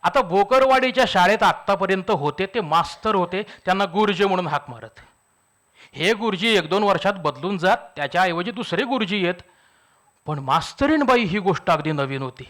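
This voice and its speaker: Man telling a comic story, higher voice. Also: moderate pace. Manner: lively character voices and chuckles. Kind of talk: humorous story reading at a literary event. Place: public literary event.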